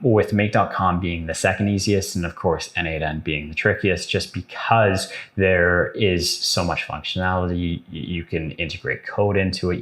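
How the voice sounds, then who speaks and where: A man hosting a software tutorial, explaining in a chatty, upbeat way with casual asides and the odd dad joke. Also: deep voice.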